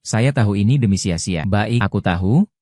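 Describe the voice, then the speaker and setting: A man narrating a first-person family drama story, reading every character's lines in an even read-aloud delivery. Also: on the low side, normal speed, no echo, studio quality.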